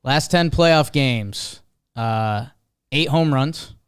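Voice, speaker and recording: A man co-hosts a podcast, chatting casually in a smooth, medium-pitched voice at a very slow pace. The studio sound is clean, with no echo.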